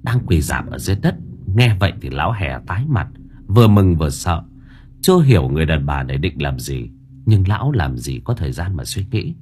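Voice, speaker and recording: A man's voice: rumbling low, very animated, fairly quick, darkish tone, a little hiss or hum. A man narrating an audiobook story in a dramatic storytelling manner.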